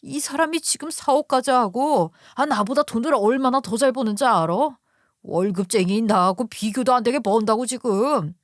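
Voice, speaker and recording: A woman's voice: on the high side, normal speed, no echo, studio quality, lightly acted. A woman voicing a desperate husband who pleads frantically in a story radio drama. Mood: pleading.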